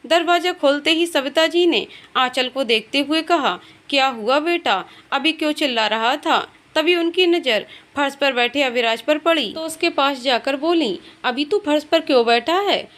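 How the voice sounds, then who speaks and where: A woman narrates a romantic drama in a high voice. She reads the dialogue of every character without changing much from her narrating tone, in a smooth, scripted storytelling manner. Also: moderate pace, hardly any pauses, fairly bright tone. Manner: reads all the characters' lines in her own voice.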